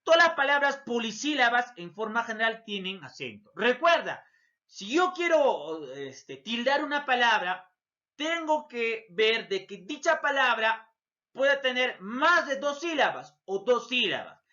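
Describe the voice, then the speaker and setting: In a very high-pitched, sharp voice with big pitch swings, a Peruvian Spanish-speaking teacher delivers a recorded grammar lesson a little slowly. He talks straight to his students and asks their questions on their behalf, captured on a dull lo-fi recording.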